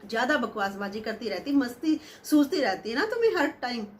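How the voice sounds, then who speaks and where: A woman's voice: a little high, very animated, a little fast, slight background noise. A woman voicing a middle-aged mother who scolds and brushes things off. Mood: scolding.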